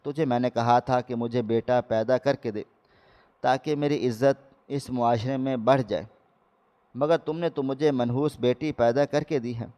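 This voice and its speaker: A man's voice: mid-range voice, fairly even intonation, dark tone, in a large hall, lightly acted. A man voicing a cruel, furious village father who hurls harsh insults.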